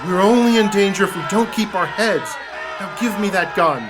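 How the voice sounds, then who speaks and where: High-pitched, earnest chaplain played by a man. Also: moderate pace, crowd noise, natural voice. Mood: urgent, firm. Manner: earnest, solemn, reassuring. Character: steady, compassionate male military chaplain. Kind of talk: audio drama acting. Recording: music behind the voice.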